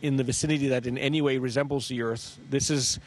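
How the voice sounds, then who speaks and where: A middle-aged man, an astronaut commander, giving a reflective interview answer in a measured, halting way with long pauses. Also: mid-range voice, steady tone. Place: inside a space station module. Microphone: handheld microphone.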